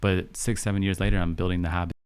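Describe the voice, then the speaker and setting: A low-voiced man from Canada, raised in Vancouver, talks fast with a flat delivery and a clear, resonant, slightly mellow tone. He's a live stream host and podcaster running a casual chat, affirming his audience, repeating phrases, and checking that listeners follow along.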